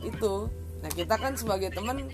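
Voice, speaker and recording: Casting: young Jakarta woman, mid-pitched, slangy and emphatic podcast co-host, loud music underneath. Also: animated, brisk. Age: young adult. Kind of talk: casual chat with slang.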